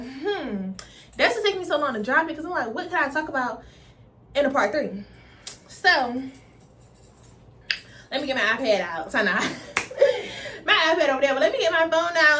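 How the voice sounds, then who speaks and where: A woman in her twenties with a stuffy nose, chatting to camera in fast, slangy talk. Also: high-pitched, a bit bright, a little hiss or hum. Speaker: vlogger. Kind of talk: casual chat to camera.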